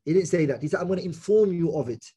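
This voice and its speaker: High-pitched, husky man teaching scripture. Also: animated, racing, dark tone. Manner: explanatory, repeats phrases, checks with listeners. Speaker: religious teacher. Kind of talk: Quran exegesis lesson with Arabic recitation and English explanation.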